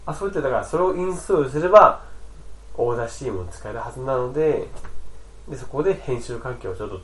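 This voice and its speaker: A man chatting casually on a podcast, teasing his co-host and patiently explaining software. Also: mid-range voice, lively intonation, fast, echoey room, rough recording. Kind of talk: casual chat.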